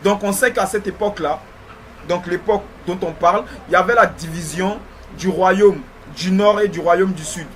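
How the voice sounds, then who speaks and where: A man's voice: sits high, moderate pace, fairly bright tone, a little hiss or hum. A man with a slight lisp teaching religious history in a didactic way, repeating phrases and checking in often.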